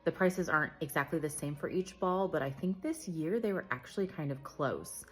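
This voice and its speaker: A woman's voice: sits low, lively intonation, normal speed. A woman vlogger explaining and comparing two events in a conversational way, with frequent fillers and self-corrections. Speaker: travel vlogger. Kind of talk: casual explainer talk.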